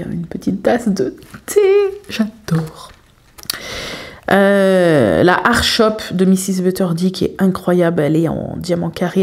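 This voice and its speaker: Chatty French woman with a dark, mellow voice. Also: lowish voice, breathy edge. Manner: chatty, many filler pauses. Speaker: craft vlogger. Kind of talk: casual show-and-tell chat.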